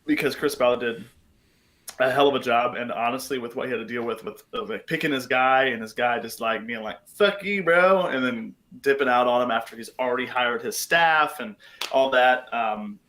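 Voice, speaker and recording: A man co-hosting a sports podcast, talking in a chatty, excitable way with many fillers. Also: medium pitch, a little fast, poor audio. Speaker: podcast co-host. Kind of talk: casual sports chat.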